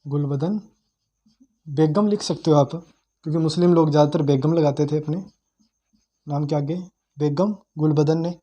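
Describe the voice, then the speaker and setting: A young man teaches history in a relaxed, conversational way. His voice sits a little high but has a mellow, warm tone. He repeats key names for emphasis and often stops with "uh" while he searches his memory. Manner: conversational, repeats key terms, frequent "uh" pauses while recalling. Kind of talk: informal history lecture.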